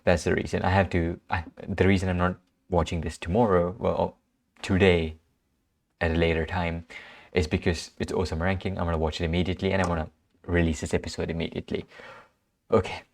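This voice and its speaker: A man's voice: sits low, little pitch movement, a little fast, vocal fry. A young man hosting his own channel, reviewing an anime episode in a casual, rambling way, sleepy and yawning late at night. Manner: rambling, with restarts and fillers. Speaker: anime reaction channel host.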